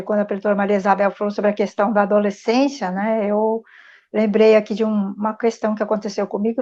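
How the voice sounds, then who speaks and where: A woman's voice: medium pitch, warm tone. A middle-aged woman telling a personal story in an online meeting, earnest and reflective, often checking in with her listeners. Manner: earnest, reflective, frequent tag questions. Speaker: speaker sharing a testimony. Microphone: video call. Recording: muffled lo-fi video call audio.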